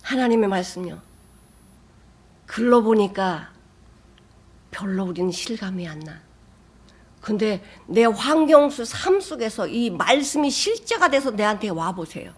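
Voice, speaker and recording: A woman's voice: lively intonation, a little slow, pauses often, slightly rough. Emphatic woman pastor preaching. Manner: emphatic, with sudden rises in pitch and loudness; drops to soft, near-whispered asides. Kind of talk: sermon.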